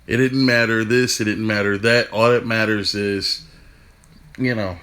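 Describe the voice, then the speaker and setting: A man talking fast in a casual football rant, stumbling over restarts and swearing casually. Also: fairly low pitch, steady tone, a bit bright. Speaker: football fan commentator.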